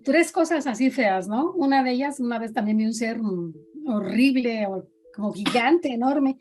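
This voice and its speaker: Warm dark-voiced Mexican woman storyteller. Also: fairly high pitch, normal speed, a little hiss or hum. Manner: dramatic storyteller, acts out quoted voices. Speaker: podcast guest sharing experiences. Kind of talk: casual storytelling chat.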